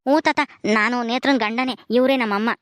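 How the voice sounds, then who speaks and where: A woman playing a young village husband who scolds his wife and hushes his mother. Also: on the high side, steady tone, fast talker, no room sound, studio quality, natural voice. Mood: scolding.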